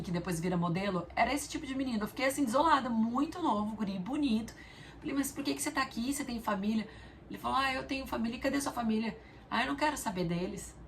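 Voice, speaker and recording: A woman's voice: on the low side, a bit bright, slight background noise. A woman and mother hosting a reflective spiritual talk, telling stories earnestly and speaking straight to the viewer. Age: adult mother of a young daughter. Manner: earnest, storytelling, addresses viewer directly. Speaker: spiritual video host.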